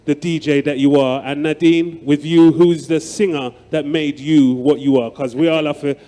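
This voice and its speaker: A man's voice: on the high side, fairly even intonation, normal speed, mellow. A man from the United Kingdom in the audience politely asking a question of the panel. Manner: polite, respectful greetings. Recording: long hall reverb.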